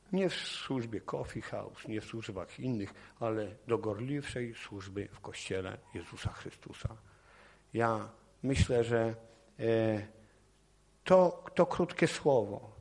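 A man's voice: lowish voice, a little mellow, husky. A man preaching from a church podium, his delivery impassioned and built on repetition. He folds his own testimony into the sermon, circling back to key phrases as his intensity climbs. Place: church or meeting hall podium.

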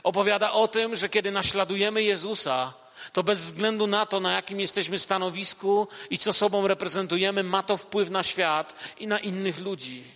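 A man's voice: sits high, normal speed, fairly bright tone. A male preacher giving a sermon, retelling a story and asking his listeners questions. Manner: addresses listeners directly with questions. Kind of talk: sermon with a read-aloud passage. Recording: echoey hall reverb.

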